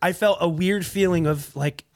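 Guy on a podcast telling stories all animated, kinda high voice, dry close sound. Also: normal speed, no room sound. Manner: animated storyteller, drops into funny voices for people he quotes. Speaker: podcast co-host. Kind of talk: casual chat.

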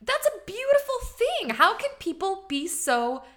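A woman in her thirties co-hosting a podcast, chatting casually in an opinionated, expressive way. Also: very high-pitched, unhurried. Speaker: podcast co-host. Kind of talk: casual chat.

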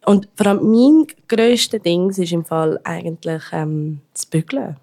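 A woman's voice: on the low side, unhurried, warm tone. A young woman with a Swiss German accent, chatting candidly as a podcast co-host and laughing often. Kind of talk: casual chat.

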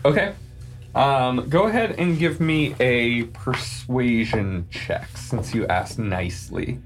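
A woman's voice: a bass voice, slow pace, soft background music. A woman acting as game master, casually narrating and directing a tabletop role-playing game.

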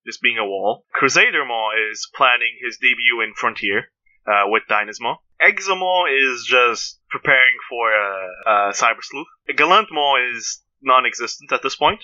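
A man's voice: medium pitch, normal speed, pushed and bright, dull audio. A man co-hosting a podcast in casual chat, joking and rattling off trivia. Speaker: podcast co-host.

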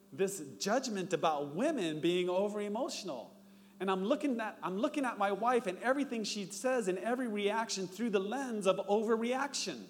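The recording, marked by long reverb and faint background noise, captures a middle-aged man preaching. As a pastor, he tells stories and acts out their dialogue with rising pitch.

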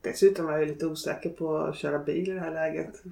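A woman's voice: deep voice, fairly even intonation, darkish tone. A woman speaking candidly in an interview, thinking aloud in a wry way. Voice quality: creaky. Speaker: interviewee, early network member. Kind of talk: reflective interview talk. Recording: echoey room, somewhat off-mic.

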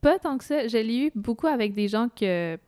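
A woman with a Québécois French accent talks as an interview guest in a mellow, smooth voice. She tells her stories in a lively, casual way and often voices her own thoughts aloud. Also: on the high side, moderate pace. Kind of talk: casual conversational storytelling.

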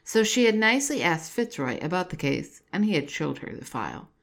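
A woman narrating her own fan fiction story in an even, measured reading. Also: fairly low pitch, creaky.

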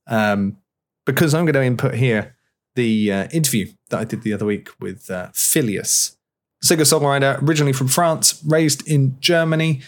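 A man hosting a podcast, talking in a relaxed, chatty way with plenty of fillers. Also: medium pitch. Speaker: podcast host. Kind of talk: casual chat.

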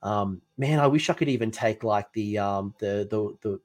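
A man's voice: on the low side, normal speed, darkish tone. A man co-hosting a casual gaming chat, rambling with many fillers and restarts, and losing his voice. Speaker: co-host of a tabletop wargame talk show.

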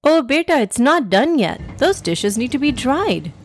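A woman voicing a caring, gently instructive mother in a children's story. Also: sits high, big pitch swings, a little slow, slight background noise, voice pushed up, heavily acted. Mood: mildly chiding. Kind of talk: children's story character dialogue.

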